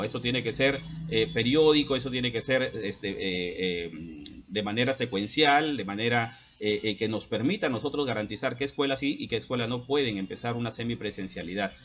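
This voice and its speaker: A middle-aged man, a school psychologist giving an earnest advice talk to parents, often pausing on hesitant fillers. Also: medium pitch, fairly bright tone, lo-fi sound. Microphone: laptop.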